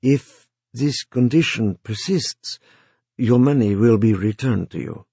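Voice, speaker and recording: A man's voice: medium pitch, very animated, a little slow, darkish tone, husky, dry recording, voice pushed up, heavily acted. A man voicing a stilted, formal mortuary owner who explains things in a placating manner. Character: stilted male mortuary owner, smooth, bureaucratic.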